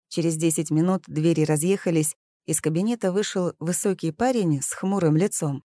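Dark-voiced female audiobook narrator. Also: fairly low pitch, dry recording. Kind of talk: scripted narration of a novel.

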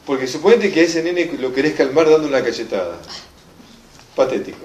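Rioplatense teacher in an echoey room. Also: male voice, a little high, a little fast, slight background noise. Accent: Rioplatense Spanish. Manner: lively, emphatic, asks the audience for agreement. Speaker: enneagram teacher. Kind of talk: lecturing a class. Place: classroom or hall with a live audience. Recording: echoey room, mic from a distance.

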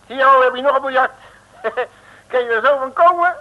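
In a 1960s radio comedy, a male actor with a very high-pitched voice plays a brash, cheeky, big-spending detective, streetwise and jovial, blustering in colloquial slang and calling himself uncle. He sounds impatient at a moderate pace, on a noisy, lo-fi old recording.

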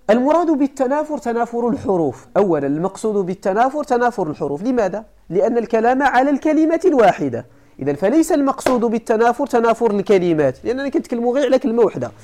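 Moroccan woman teacher, mellow tone, lively pitch, repeats points and quizzes the class. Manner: repeats points and asks the class rhetorical questions. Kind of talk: classroom lecture on classical texts.

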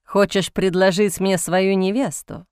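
A woman's voice: mid-range voice, fairly even intonation, measured pace, darkish tone, clear, resonant tone, dry recording, studio quality, lightly acted. A woman voicing a cynical aristocratic older brother who drawls with mocking sarcasm, in a storybook reading. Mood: sarcastic.

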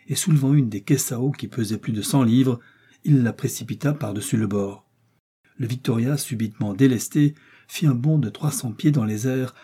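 A man narrating a classic adventure novel in a measured, dramatic storytelling voice. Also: mid-range voice, dark tone, breathy edge. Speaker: audiobook narrator. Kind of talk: scripted narration.

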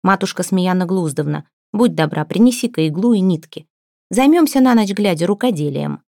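A woman's voice: lowish voice, animated, normal speed, a little mellow, no echo, clean studio sound. A woman voicing a stern young village healer who gives firm orders.

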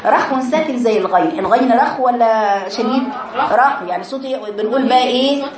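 A woman with an Egyptian accent teaching a tajweed lesson to her female students, explaining rules and reciting words slowly with long drawn vowels. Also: a little high, echoey room, crowd noise, poor audio. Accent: Egyptian Arabic.

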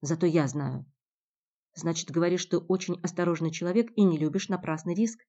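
A woman voices a tough young man, curt and accusing, with a low, mellow tone. The sound comes through a dull lo-fi recording. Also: fairly quick. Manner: curt, growling.

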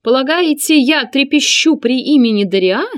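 A woman reading an audiobook, voicing a fat, mocking male eunuch corsair with a shrill, squealing voice. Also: very animated, moderate pace, dry recording, studio quality. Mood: scornful. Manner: mocking, contemptuous.

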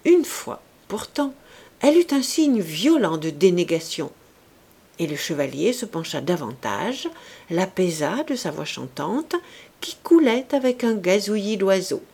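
A woman reads a classic novel aloud in measured, expressive audiobook narration. Her pitch sits mid-range but rises and falls in lively curves. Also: slightly rough. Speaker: audiobook reader.

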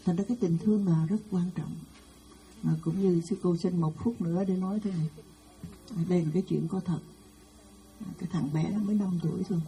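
A woman's voice: fairly low pitch, steady tone, a little fast, pauses often, mellow, a little hiss or hum, poor audio. A woman Buddhist nun giving a dharma talk, telling stories with frequent hesitant fillers.

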